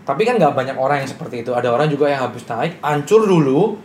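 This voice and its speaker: A young man talks very fast as a guest in a casual interview. He tells his business story with bold, brash confidence. A roomy echo and faint noise surround his voice. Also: mid-range voice, expressive, a little mellow.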